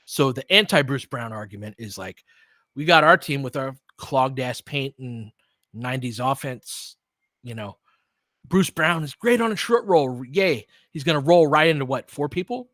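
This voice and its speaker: A man hosts a casual live basketball show, offering loose play-by-play and opinionated, slangy chat with listeners. His mid-range voice is fairly bright, with lively intonation and normal speed, recorded in studio quality without echo.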